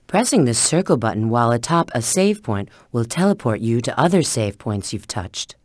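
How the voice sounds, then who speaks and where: A woman's voice: extremely low pitch, no echo, studio quality, exaggerated voice. An actress playing a sly, confident female bat spy who coyly gives hints in a video game. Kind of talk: video game character hint lines.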